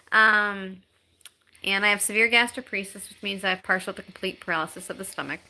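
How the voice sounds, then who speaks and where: A chatty live streamer in her thirties, this woman has a bright, mid-range voice. She reads viewer comments in casual live-stream chat, talking haltingly with lots of ums and restarts.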